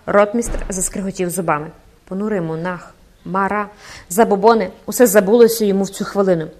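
A woman narrating a classic novel as an audiobook, in measured, expressive storytelling. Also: medium pitch.

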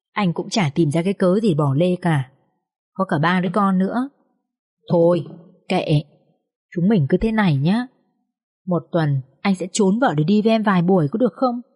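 Cheating husband coaxing slowly, woman doing him, breathy. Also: lowish voice, darkish tone. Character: unfaithful husband, evasive and sweet-talking.

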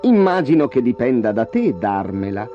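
Storybook villain: a malicious gloating dwarf, done by a male narrator, shrill and sneering, lo-fi sound. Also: sing-song, normal speed, over music, natural voice. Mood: sly. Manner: sneering, cackling.

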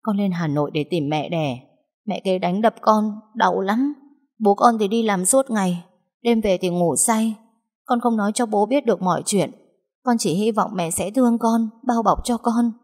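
A woman's voice: mid-range voice, moderate pace, a little mellow, voice pushed up, lightly acted. A woman voicing a frightened sixteen-year-old girl who stammers through her tears, in a storybook reading. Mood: tearful pleading. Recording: long hall reverb.

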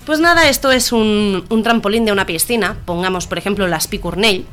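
A woman's voice: mid-range voice, fairly quick, faint music behind. Female radio comedy co-host, casual joke-telling, acts out each character's lines. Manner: animated storyteller, voices the characters in her jokes.

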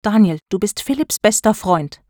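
A woman's voice: medium pitch, expressive, moderate pace, darkish tone, no echo, lightly acted. A woman voicing an adult female social worker who questions students insistently, in a dry storybook recording. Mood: worried.

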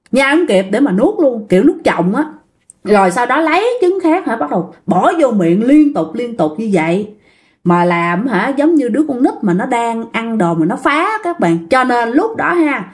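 Woman, casual ghost-story teller, chatty, talks to listeners, higher voice. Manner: chatty, addresses listeners directly.

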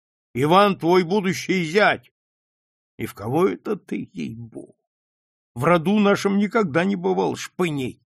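A man doing a gruff old captain. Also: on the high side, no echo, studio quality. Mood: stern. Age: older. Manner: gruff, scolding, commanding. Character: stern old male provincial captain, gruff father.

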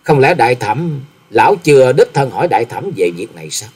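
A man voicing a reserved, courteous young swordsman who speaks in a measured, consoling way in a story reading. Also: medium pitch, sing-song, darkish tone, breathy edge. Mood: solemn.

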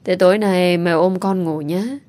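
Woman voicing a young mother, affectionate, gentle, low-pitched. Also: a little slow, lightly acted. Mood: loving. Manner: gentle and loving.

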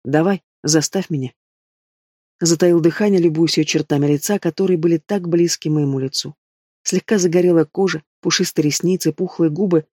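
A man narrates a romantic fantasy audiobook in the first person, with expressive storytelling. His voice sits a little higher than most men's. The recording is close and dry, with no room sound. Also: a little fast, dry recording.

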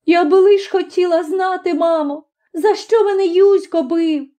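Woman doing a young peasant woman, shrill, tearful, very high-pitched, sobbing, audiobook character. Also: steady tone, measured pace, dark tone. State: crying.

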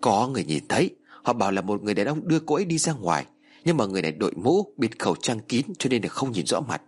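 A man's voice: on the low side, big pitch swings, fast talker, husky. A man voicing an anxious middle-aged uncle, urgent and agitated.

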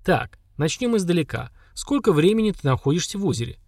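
A man's voice: on the high side, sing-song, a little fast, a little mellow, dry recording, studio quality, pitched above the performer's own voice. A man voicing a confident young hero with an ironic, questioning, grumbling manner. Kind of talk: audiobook character voice.

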